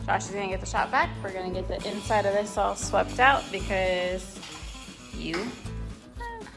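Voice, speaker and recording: A playful woman trades quips while she films in a garage. Her mid-pitched voice has a gravelly edge, and music plays underneath. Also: big pitch swings, moderate pace. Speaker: co-host filming. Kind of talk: casual banter. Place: garage workshop.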